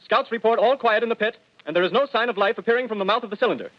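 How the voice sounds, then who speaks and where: A male actor plays a radio news announcer in the old newsreel manner, urgent and clipped. The voice is high and quick, formal in every phrase. It comes through a dull, dry 1930s broadcast recording. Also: no echo, lightly acted. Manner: clipped formal bulletin delivery.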